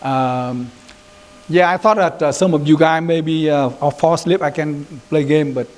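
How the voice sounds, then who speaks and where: Vietnamese-accented man with a fairly high voice. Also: unhurried, darkish tone. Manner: loose and conversational, mixing in Vietnamese phrases, frequent "right?" check-ins. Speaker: Buddhist youth leader teaching a workshop. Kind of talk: informal training lecture.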